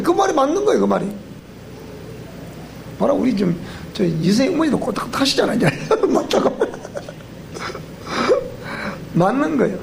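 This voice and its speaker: A man's voice: high-pitched, gravelly. Male pastor, Gyeongsang accent, seminar lecture in a church, quizzes the crowd, faint hiss. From Gyeongsang region of Korea. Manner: animated and joking, quizzing the audience. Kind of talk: sermon-style seminar lecture. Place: church hall.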